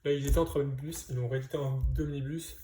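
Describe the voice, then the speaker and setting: This comic collector rattles through his haul quickly in a medium-pitched, steady, dark-toned voice, with a faint hiss or hum in the recording. It's a casual unboxing chat, and he keeps hesitating, restarting and dropping in fillers.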